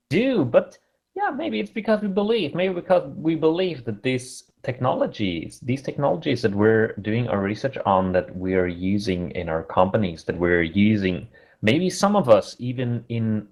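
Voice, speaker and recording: A man with a German accent gives an online conference talk in a casual, chatty way, halting often with fillers and restarts. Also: mid-range voice. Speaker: conference speaker.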